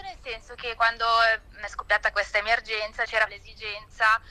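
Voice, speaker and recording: A woman nurse calmly explaining her situation, heard over a speakerphone in a news report. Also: mid-range voice. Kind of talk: phoned-in account in a news report. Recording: tinny speakerphone line.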